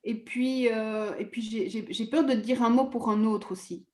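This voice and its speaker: In a therapy session, a woman with a fairly high, mellow-ish voice and fairly even intonation speaks hesitantly, halting often and laughing at herself self-consciously. It's a personal conversation, and the sound is reverberant.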